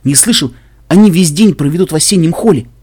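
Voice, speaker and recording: A man's voice: on the high side, expressive, fast talker, a little mellow, slightly rough, dry recording, clean studio sound, voice pushed up. A man doing a bold, hearty pony guard. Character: male cyber pegasus, brave cheerful caravan guard.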